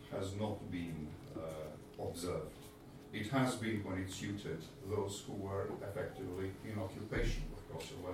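Distant, echoing man with a Serbian accent. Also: lowish voice. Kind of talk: deliberate argumentative question from the floor. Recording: very echoey room, distant, clearly noisy.

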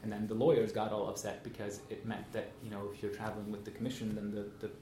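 A man's voice: on the low side, level tone, fast talker. A man giving an informal academic talk, telling anecdotes conversationally and often checking in with the listeners. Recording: echoey room with faint noise.

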